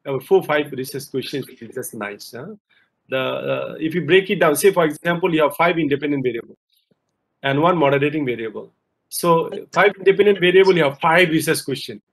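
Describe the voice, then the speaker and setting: A man's voice: a little high, fairly quick, gravelly, low-quality recording. Man, professor explaining on a video call. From Malaysia. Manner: explanatory, frequent fillers. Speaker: professor answering questions in an online session. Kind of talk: online Q&A lecture.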